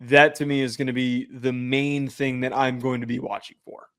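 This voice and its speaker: A man's voice: medium pitch, little pitch movement, moderate pace, fairly bright tone, clean tone. A man co-hosting a casual sports podcast from New Jersey, laying out confident, analytical betting picks. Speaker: podcast co-host.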